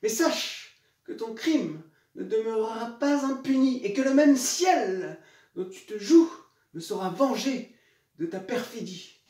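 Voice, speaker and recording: A man's voice: very high voice, animated, unhurried, a little mellow. A man playing a proud, betrayed noblewoman in classical theatre, declaiming with hammy, vengeful indignation. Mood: indignant, vengeful. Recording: echoey room, far from mic.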